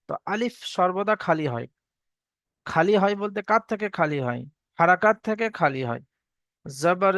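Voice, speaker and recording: A man teaching a slow recorded lesson, drawing out each letter and vowel mark for students to repeat. His voice sits high and sounds smooth and clear. The sound is close and dry. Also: fairly bright tone, no echo. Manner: patient, repetitive drilling with call-and-repeat; clears throat often. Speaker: Quran reading teacher.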